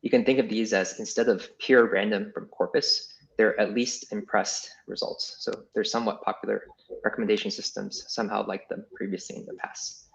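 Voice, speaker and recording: A man's voice: lowish voice, steady tone, moderate pace, gravelly. A man giving unscripted, hedging explanations as an engineer in a technical question session. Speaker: engineer answering audience questions. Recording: slightly dull, lo-fi online call.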